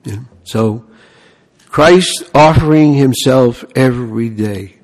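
An older priest from the Bronx with a New York accent gives an animated sermon full of stories, often asking "huh?" and "you know." His medium-pitched voice takes it slowly, with a big-room sound.

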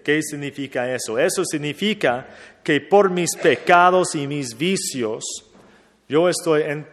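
A man, a priest, preaching a sermon in a slow, reflective way, asking himself questions and repeating them. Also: mid-range voice, long reverb tail.

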